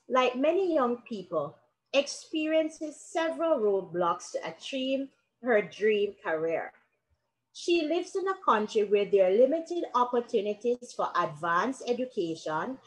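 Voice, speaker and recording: A woman presenting in a video call, reading a scenario story aloud slowly and stressing names and key words. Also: fairly high pitch, low-quality recording.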